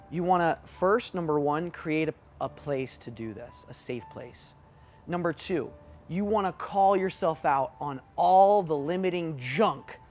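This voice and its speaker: A fervent male coach pushes his listeners with emphatic, preachy urgency. His voice sits notably high for a man. A faint wash of music plays under his talk. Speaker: business coach.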